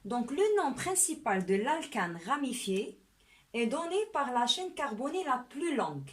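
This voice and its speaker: A woman's voice: high voice, very animated. A woman teaching a chemistry lesson step by step, often checking in with "d'accord?". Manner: slow and deliberate, often asks "d'accord?".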